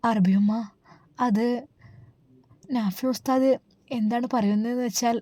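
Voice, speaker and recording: A woman voicing a soft-spoken young pregnant wife who answers in quiet, halting replies, as storybook dialogue. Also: a little high, fairly even intonation, dry recording, pitched above the performer's own voice. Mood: hesitant.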